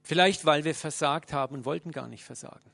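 Gravelly-voiced man preaching earnestly. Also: a little high, fairly quick, no echo. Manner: earnest preaching, speaks straight to listeners, swings between loud and hushed. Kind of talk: sermon.

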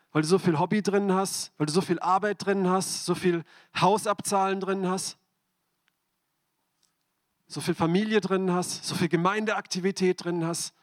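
A man preaching a sermon, speaking directly to the congregation and asking them repeated questions. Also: high voice.

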